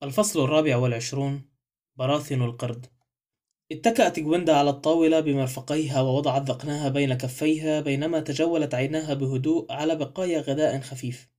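Guy reading a mystery novel aloud, quick and steady, slightly high voice. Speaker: narrator. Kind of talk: scripted audiobook narration.

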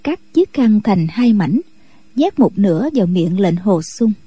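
Dark, husky woman story narrator. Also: mid-range voice, animated, a little slow, dry recording. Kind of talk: radio story reading.

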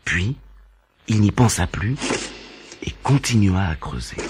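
A man narrating a children's story in an expressive, animated reading. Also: on the low side, slow, heavy background noise. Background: faint background music.

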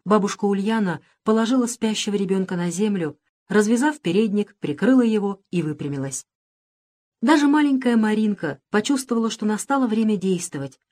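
A woman narrating a children's novel in a steady, measured storytelling manner. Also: medium pitch. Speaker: audiobook narrator. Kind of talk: scripted narration.

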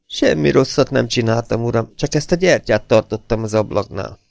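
A man's voice: medium pitch, creaky, darkish tone, no room sound, voice pushed up, close to an everyday voice. A man reading an audiobook, voicing an older male butler who answers nervously and evasively. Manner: trembling, evasive, stubborn.

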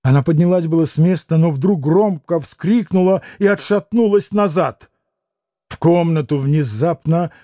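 A man reading a classic novel aloud as an audiobook narrator, steady and measured. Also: a little high, dry recording, studio quality.

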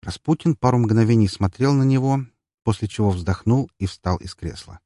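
A man reading a first-person story aloud in an expressive, wry audiobook narration. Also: lowish voice, moderate pace, no room sound, clean studio sound.

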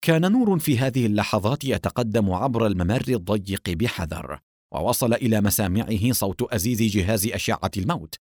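A male narrator reading an audiobook novel with expressive, dramatic storytelling. His pitch rises and falls vividly. The recording is dry and close, with no room sound. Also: dry recording.

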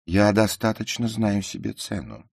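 A man's voice: sing-song, normal speed, creaky, darkish tone, no room sound, studio quality, heavily acted. A man playing a vain, haughty young woman. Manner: raised, shrill, affected girlish tone. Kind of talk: audiobook character voicing.

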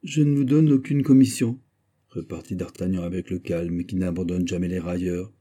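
A man reading aloud voices a musketeer who speaks calmly and deliberately, with quiet mockery. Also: low-pitched, breathy edge. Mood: mocking. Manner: calm, deliberate, mocking. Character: cool mocking male musketeer.

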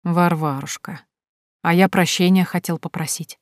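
A smug young charmer talks in a wheedling, needling way, read by a woman narrator. The voice sits low, and the recording is dry and close, with no room sound. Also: steady tone, normal speed, no room sound, natural voice. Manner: wheedling, then bitter and shouting.

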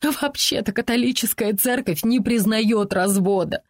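A gushing, naive woman, as a woman reader puts her on, sweetly stubborn, her voice pitched high and breathy. The read is dry and close. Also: measured pace, dry recording. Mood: earnest.

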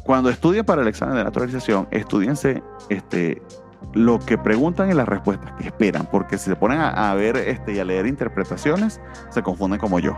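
A low-pitched man chats loosely about comics, stopping often to hunt for words. His speech is full of hesitant fillers, and soft music plays faintly behind him. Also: animated, fairly quick. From not from Mexico, now naturalizing. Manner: rambling, many "este" fillers. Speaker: podcast co-host. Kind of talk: casual chat about comics.

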